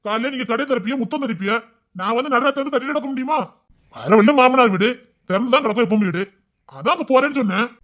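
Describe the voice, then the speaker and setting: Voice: medium pitch, lively intonation, a bit bright, dull audio, natural voice. A performer playing a blunt young husband, a police officer who argues with his mother in a family drama skit. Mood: arguing. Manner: blunt, rapid, scolding.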